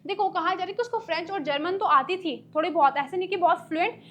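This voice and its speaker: A woman teacher explaining an English story in a Hindi-English mix, reading English lines slowly and then chatting through their meaning, with frequent "ठीक है". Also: very high voice, fairly bright tone.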